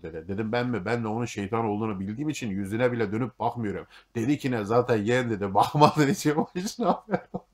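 A middle-aged man rattles off a casual storytelling monologue at high speed in a lowish voice. He is blunt and curses freely. His tone stays grumbling and fatalistic. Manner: blunt and heavy on profanity. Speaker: YouTube monologue host.

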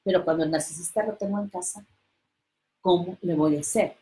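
A woman, coaching on self-esteem in a casual, expressive talk and acting out the voices she quotes. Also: fairly low pitch, fairly quick. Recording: echoey room.

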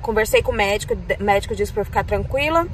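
A woman's voice: medium pitch, quick pace, soft background music. A tired young woman, a new mother, chatting casually to her viewers in a vlog in a tender, talkative way. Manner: chatty, tender, often says "gente" and "meu Deus".

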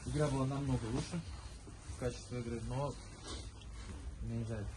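A man in his thirties, a football coach, giving an earnest, halting, blunt pep speech to his team after a match. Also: mid-range voice, fairly even intonation. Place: crowded indoor team locker room. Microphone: handheld camera a step or two away. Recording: noisy room captured on handheld camera.

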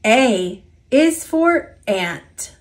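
Reading aloud from an alphabet picture book meant for toddlers, this American-accented woman speaks on the high side and sounds very animated. She pronounces each word in a simple, deliberate way.

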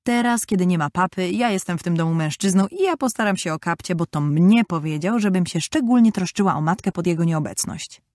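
A tomboyish, bossy teenage girl, lively and bold, read by a woman. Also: fairly low pitch, a little fast, hardly any pauses, dry recording, studio quality, lightly acted. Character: boyish, brash teenage girl.

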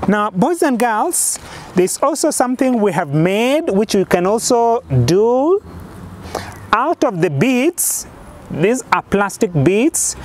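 A man in his thirties presenting an outdoor lesson as a kids show host, asking guessing questions and counting aloud step by step. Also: high voice. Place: outdoors on a lawn in a yard. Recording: faint outdoor background noise.

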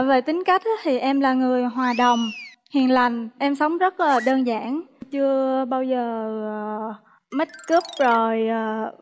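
A woman's voice: sits high, in a large hall, slight background noise. A woman in her late twenties with a southern Vietnamese accent, introducing herself politely and a little hesitantly on a dating show. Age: 20s. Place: TV studio stage.

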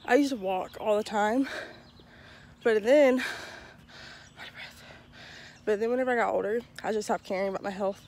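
A woman's voice: mid-range voice, a little fast, darkish tone. A young woman chatting casually to her phone camera while walking outdoors, out of breath and joking about herself. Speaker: vlogger. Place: outdoors on a foggy neighborhood street. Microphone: handheld phone camera.

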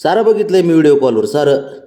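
A man's voice: fairly high pitch, lively intonation, quick pace, dark tone. A man talking casually to his pet cat, mock-scolding it and then coaxing it fondly. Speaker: cat owner.

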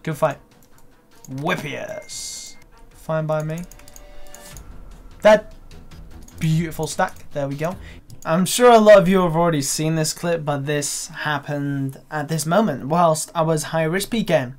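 A young man doing live gameplay commentary, swearing and breaking into excited shouts. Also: on the high side, unhurried, soft background music. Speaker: gaming video creator.

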